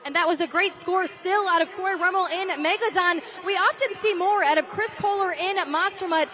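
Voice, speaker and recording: High voiced lady pit reporter, live sports interview at the track. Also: a little fast, sharp tone. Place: on the track at a stadium event.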